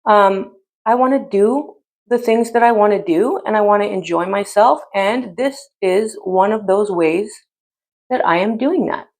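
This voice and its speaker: Chatty fifties woman, mid-pitched with a creaky edge, easygoing makeup-tutorial talk. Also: a little slow, a little mellow. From United States. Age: 50s. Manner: chatty, rambling, many ums. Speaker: beauty vlogger. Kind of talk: casual makeup tutorial chat.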